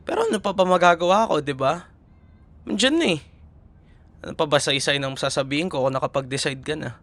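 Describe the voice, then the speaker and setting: In an intimate ASMR boyfriend roleplay drama, a man plays a young Filipino boyfriend who is tender and proud, speaking with a Filipino accent. His voice is a little high, expressive, a bit bright and slightly fast, and he sounds hurt and frustrated.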